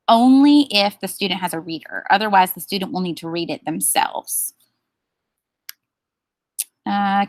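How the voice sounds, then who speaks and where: Woman presenter for a staff training, mid pitch, slightly gravelly, steady and explanatory, dry sound. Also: no echo. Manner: explanatory, steady, with frequent ums.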